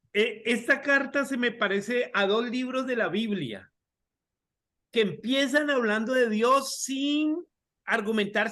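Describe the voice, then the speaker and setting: Slow, high-voiced man teaching a Bible class. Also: sharp tone. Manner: slow, repeats words and restarts, asks the class questions. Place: video call.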